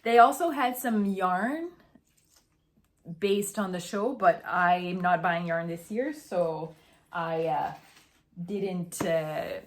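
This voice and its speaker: A woman's voice: on the low side, a little hiss or hum. A young woman hosting a casual knitting podcast, chatty and gushing, tired after a morning run. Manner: chatty and gushing, with fillers and restarts. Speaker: podcast host.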